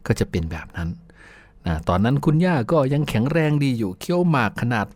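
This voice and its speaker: Very animated and fairly quick, a radio host with a medium-pitched, slightly mellow voice recounts folksy stories from his childhood. The sound is dry with no echo, faint music plays behind him, and he chats and laughs a lot.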